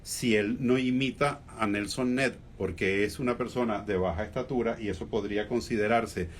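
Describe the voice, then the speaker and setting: A man with a Venezuelan accent, a humorist guest in a radio interview, talking reflectively with many fillers and pauses. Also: on the low side, fairly even intonation, slight background noise.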